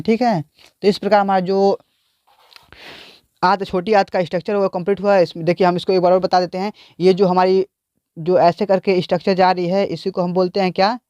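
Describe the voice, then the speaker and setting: A man's voice: high-pitched, darkish tone, smooth, dry recording, highs cut off. A man teaching biology, explaining a diagram and repeatedly asking the class questions.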